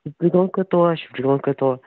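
A man's voice: fairly high pitch, fast. A man in his twenties, a caller in a casual phone chat, cheeky and playfully stubborn. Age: 20s. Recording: tinny phone line.

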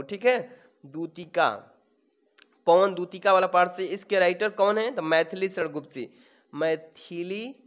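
A man teaching an exam-prep lesson, walking students through a paper step by step, repeating key words slowly and calling them "babu". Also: high voice.

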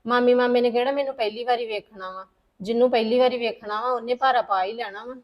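A young daughter in a home drama, played by a woman, who calmly reassures her mother. Her voice is a little high, and the recording sounds slightly dull. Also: quick pace, lightly acted. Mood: soothing. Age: young adult. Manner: soothing, reassuring. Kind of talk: acted family drama dialogue.

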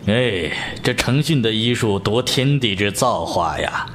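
In a wuxia audio drama over music and slight background noise, a man plays a seasoned, urbane martial-arts master of middle age. His lowish, fairly bright voice has lively intonation, and he sounds weary and resigned while speaking in a measured, avuncular, theatrical way.

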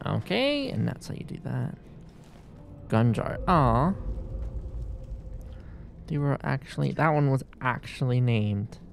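A man's voice: mid-range voice, big pitch swings, slow pace, creaky, pauses often, faint music behind. A man giving casual commentary while streaming a game, sarcastic and swearing at the game's characters.

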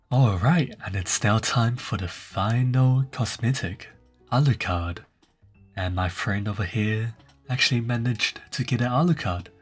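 Casting note: young male gaming host, low voice, unhurried rambling commentary over faint music. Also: slightly rough. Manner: laid-back, rambling with fillers. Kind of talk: casual game showcase commentary. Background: faint background music.

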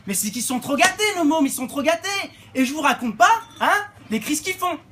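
A woman playing a loud, unhinged middle-aged mother of many kids in a live stand-up sketch, barking orders and rambling with constant fillers. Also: high voice, lively intonation, fairly quick. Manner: brash, rambling, barks orders, filler-heavy "hein". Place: comedy club stage. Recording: noisy live club recording.

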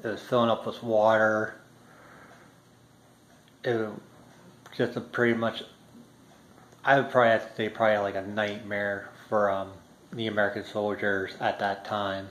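Filming himself at home in the kitchen, a man in his thirties who vlogs about history speaks off the cuff, full of ums, restarts, and long pauses. His fairly low, level voice moves at normal speed with a fairly bright tone and a little hiss or hum. The camera's built-in mic sits at arm's length, picking up roomy echo and faint ambience.

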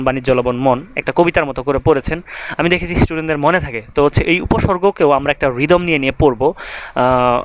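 A man's voice: mid-range voice, a bit bright. A young man teaching grammar in a casual, conversational lecture, with many fillers and rhythmic recitation of word lists.

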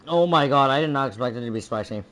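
A man's voice: medium pitch, expressive, quick pace, a bit bright. A man talking casually and jokingly while doing a spicy food challenge for a vlog. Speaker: vlogger.

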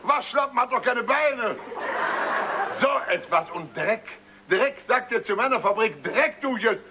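A man's voice: very high-pitched, lively intonation, unhurried, pushed and bright, exaggerated voice. An actor playing a boastful, stubborn factory-owner father in a stage comedy, blustering and repeating himself.

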